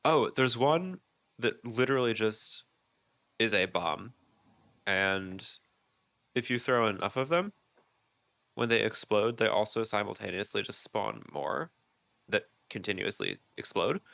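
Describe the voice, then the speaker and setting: A man with a gravelly, slightly low voice that has a bright edge, talking on a podcast. He rambles through explanations with ums and pauses, his nose stuffy, in a dry close recording. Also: expressive, dry recording. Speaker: podcast co-host. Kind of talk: casual chat.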